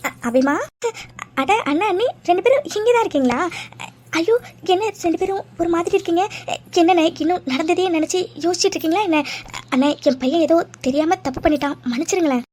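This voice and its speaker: A woman's voice: very high-pitched, a little fast, noisy background. Polite middle-aged cartoon aunt, humble tone, voiced by a woman. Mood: apologetic. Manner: polite, apologetic. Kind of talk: cartoon voice acting.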